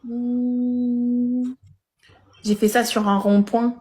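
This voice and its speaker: A woman's voice: a little high, flat delivery, drawn-out words, warm tone. Cheeky woman in her thirties. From France. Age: 30s. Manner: playful, cheeky, unfazed comebacks. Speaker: guest.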